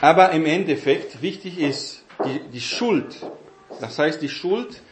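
A man giving a Bible teaching talk in a halting way, with many fillers and tag questions. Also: fairly high pitch, lively intonation, echoey room, slight background noise. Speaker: preacher.

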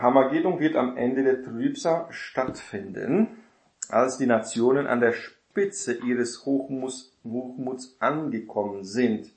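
A man teaching a Bible study in a casual lecture style, often adding a quick tag question to check that listeners follow. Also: medium pitch, darkish tone, echoey room.

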